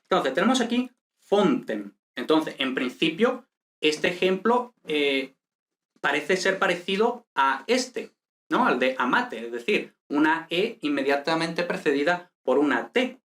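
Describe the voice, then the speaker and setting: A man's voice: a little high, big pitch swings, unhurried, a bit bright. A man from teaching a casual lesson, talking in a chatty way and checking in with the listener often. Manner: chatty, frequent "¿vale?" and "eh" fillers.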